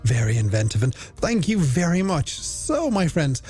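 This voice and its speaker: With music running underneath, this late-night radio host, a middle-aged Irishman, banters with listeners as friends in a playful, self-deprecating manner. He sounds very animated at a moderate pace, his voice a little high and darkish in tone.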